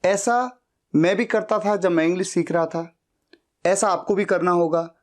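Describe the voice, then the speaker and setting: A young man whose first language is Hindi teaching spoken English, explaining in Hindi and saying each English sentence slowly and carefully. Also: high-pitched, fairly even intonation.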